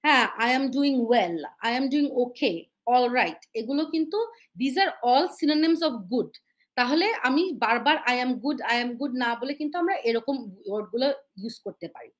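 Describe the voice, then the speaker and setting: A woman teaching an IELTS speaking webinar. She mixes with English phrases and slows down to read the English points aloud. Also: sits high, lively intonation. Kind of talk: live webinar lesson. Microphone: webinar microphone.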